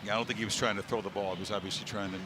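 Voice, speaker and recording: A man's voice: on the low side, steady tone, racing, background noise. A man calling live football play-by-play as a broadcast announcer.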